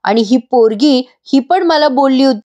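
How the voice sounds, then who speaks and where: A woman's voice: high-pitched, expressive, moderate pace, warm tone, muffled recording, voice pushed up. A woman voicing a haughty young mistress of the house who orders people out with scorn. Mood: scornful. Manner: scornful, commanding.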